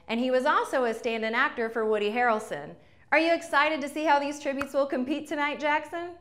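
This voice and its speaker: Woman, young adult, game show host, enthusiastic, slightly high voice. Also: a bit bright. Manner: upbeat, enthusiastic.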